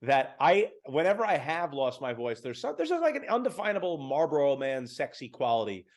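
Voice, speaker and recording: A man's voice: a little high, big pitch swings, moderate pace. Rambling man co-hosting a podcast. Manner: self-deprecating, rambling with many fillers. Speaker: podcast co-host. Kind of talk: casual chat.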